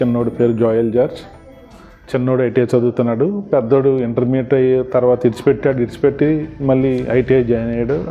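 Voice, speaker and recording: A man, the victim's uncle, giving a rapid, steady retelling of events in an emotional testimony. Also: mid-range voice. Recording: dull lo-fi recording.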